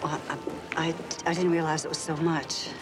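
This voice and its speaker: A woman plays a doting elderly grandmother in a drama scene. Her voice is on the low side, and she talks in halting, apologetic phrases with music clearly behind her. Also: level tone, natural voice. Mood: embarrassed, wistful. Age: older. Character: sweet, timid, doting grandmother shopping for a doll. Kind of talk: screen drama dialogue.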